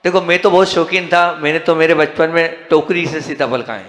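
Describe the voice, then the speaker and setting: A Jain monk from central India speaks briskly in a slightly high, steady, somewhat bright voice. His conversational sermon, recorded in an echoey hall, has him raising questions for the audience and answering them on his own.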